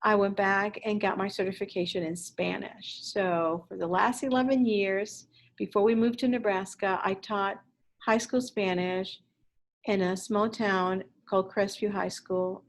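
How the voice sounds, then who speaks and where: A woman teacher in her fifties, originally from Puerto Rico, talks to parents in a recorded introduction from her classroom. She speaks in a chatty, friendly way, with plenty of fillers and small restarts. Her voice sits at an ordinary middle pitch, recorded on a laptop mic in the room. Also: low-quality recording. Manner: chatty, warm-hearted rambling with fillers. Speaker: Spanish teacher.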